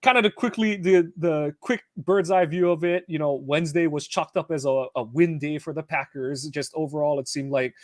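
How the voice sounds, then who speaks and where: A man's voice: on the high side, normal speed, hardly any pauses, no echo, clean studio sound. A man from Hawaii co-hosting a football podcast, chatting casually with frequent fillers and laughs. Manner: relaxed, laughs often, many fillers. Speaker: podcast co-host. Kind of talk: casual sports podcast chat.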